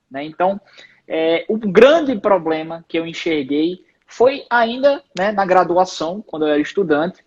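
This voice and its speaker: A man in his twenties, an engineer who founded a company, chats casually as a guest on a live stream from home over a video call. His voice sits on the high side and the audio is dull. He sounds relaxed and peppers his speech with fillers like "né" and "aí".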